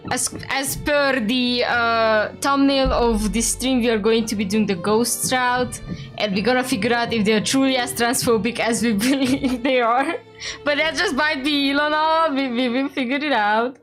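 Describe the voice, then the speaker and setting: A woman's voice: high voice, unhurried, faint music behind. Chatty woman streamer on a headset mic. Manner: chatty, rambling, frequent self-corrections. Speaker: livestreamer playing a game with a co-host. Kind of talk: casual livestream chat to viewers. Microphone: livestream headset audio.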